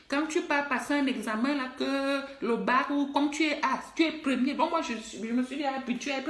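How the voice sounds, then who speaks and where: High-voiced woman scolding her followers in an echoey room. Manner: emphatic, scolding, repetitive. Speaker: online personality and musician. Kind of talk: direct-to-camera social media video. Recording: roomy echo.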